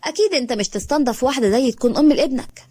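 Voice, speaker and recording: A woman voicing a wronged young woman who grieves and speaks bitterly in Egyptian Arabic, her voice rising high in anguish. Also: rapid-fire, dark tone, dry recording. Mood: bitter, grieving.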